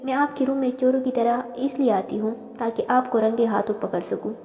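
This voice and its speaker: A woman's voice: fairly high pitch, brisk, dark tone, soft background music, natural voice. A woman voicing a playful, cheeky young female student in a storybook reading. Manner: bubbly, cheeky. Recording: roomy reverb.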